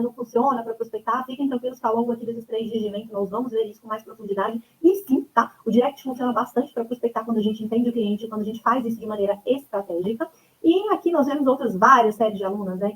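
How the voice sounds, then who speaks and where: Brazilian woman in her 30s running a webinar, quick and chatty, kinda high voice, lots of "né?". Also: rough recording. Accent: Brazilian Portuguese. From Brazil (Goiânia). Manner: chatty, leans on tags like "né?" and "tá?". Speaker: instructor presenting her online course. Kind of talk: webinar presentation.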